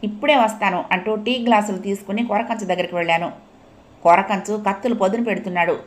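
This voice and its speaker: A woman host reading a serialized novel aloud in a soft, steady storytelling voice of ordinary pitch. She narrates scene by scene and lets the story carry itself. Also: fast. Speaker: audiobook narrator. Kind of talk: scripted audio-novel narration.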